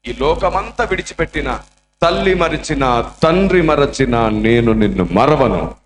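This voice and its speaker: A man voicing God gently reassuring a lonely boy, in a slow solemn way, within a sermon. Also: medium pitch, expressive, noisy background, natural voice. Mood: tender. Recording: echoey church hall.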